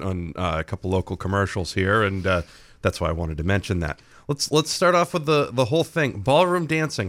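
A male radio host with a fairly low voice chats casually with a guest in the studio, joking and often tripping over and repeating his words. The sound is dry and close to the mic. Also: fairly bright tone, no room sound. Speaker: radio morning show host.

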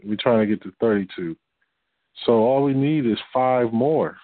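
A man who is short of breath, hosting an unscripted motivational group talk in a halting, earnest way. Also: mid-range voice, phone-quality sound, noisy background. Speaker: host coaching on marketing and fundraising.

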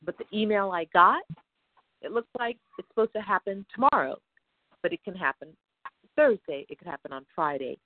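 A woman's voice: medium pitch, animated, moderate pace, no echo. Anxious woman on a tinny phone line. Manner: anxious, rambling, talks in long run-on stretches. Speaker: caller seeking advice. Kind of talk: phone conversation.

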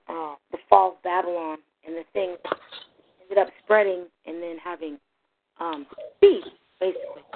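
A young woman calling in to a prayer line on speakerphone, her voice breaking up as she talks in an earnest, halting way with many ums. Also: fairly low pitch, slight background noise. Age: young adult. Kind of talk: spoken testimony. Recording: tinny phone line, dry.

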